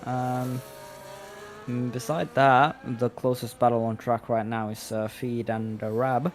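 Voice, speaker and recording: Guy co-commentating sim racing, steady, mid pitch, faint hiss. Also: unhurried. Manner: steady, follows gaps between leaders. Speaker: race co-commentator.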